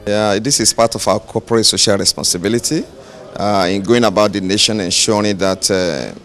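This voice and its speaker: A man speaking as an official in an interview, deliberate and pausing often. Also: fairly low pitch, a bit bright, faint music behind. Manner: deliberate, with many pauses. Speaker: regulator official. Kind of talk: interview statement.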